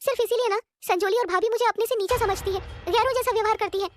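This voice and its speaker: A woman's voice: extremely high pitch, fast, soft background music, pitched above the performer's own voice. A woman voicing a humble, kind-hearted young woman who serves her family without complaint. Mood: hurt. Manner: pleading, hurt.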